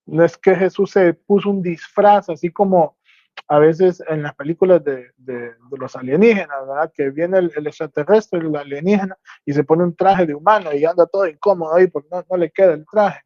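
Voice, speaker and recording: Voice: mid-range voice, moderate pace, dark tone, dry recording. A Bible teacher giving a teaching sermon, explaining step by step and checking with rhetorical questions whether listeners follow. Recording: dull lo-fi dry sound.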